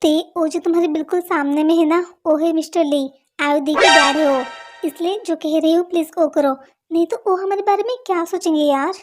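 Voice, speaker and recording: A woman's voice: very high voice, fairly even intonation, brisk. A woman reading a scripted fan audio story, voicing every character in a plain reading voice. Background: music.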